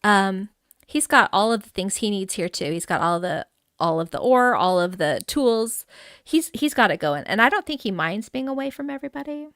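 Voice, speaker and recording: A middle-aged woman hosts a live gameplay stream, chatting loosely, laughing often and calling out viewers by name. Her voice sits at an ordinary middle pitch. It comes through a close mic with a dry, roomless sound. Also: lively intonation, normal speed, fairly bright tone, clear, resonant tone, no room sound. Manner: chatty and giggly, reading out chat names. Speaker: livestream host touring a game island. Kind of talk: casual live gameplay chat.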